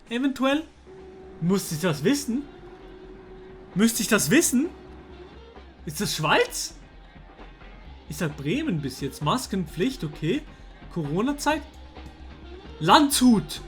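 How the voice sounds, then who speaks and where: A young man, talking casually to his chat while playing a guessing game, excitable and slangy. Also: high voice. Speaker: streamer. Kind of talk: casual gameplay commentary. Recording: faint music underneath.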